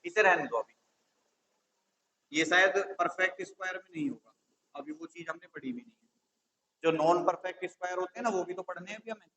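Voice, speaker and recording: Maths teacher guy, kinda high voice, goes slow n patient thru each step. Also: bright, forceful tone, slight background noise, low-quality recording. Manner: patient, step-by-step, checks with "theek hai". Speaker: maths tutor for exam coaching. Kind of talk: whiteboard maths lesson.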